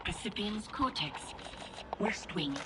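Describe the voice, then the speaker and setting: A woman's voice: mid-range voice, animated, slow pace, very noisy. A woman voicing a damaged female security construct with a glitching robot voice, speaking in clipped single-word machine announcements.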